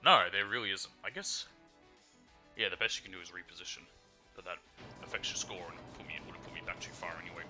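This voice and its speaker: A man's voice: deep voice, quick pace, bright, forceful tone, faint music behind. A man giving casual commentary as he plays a video game, thinking aloud and often muttering. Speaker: gamer doing a playthrough.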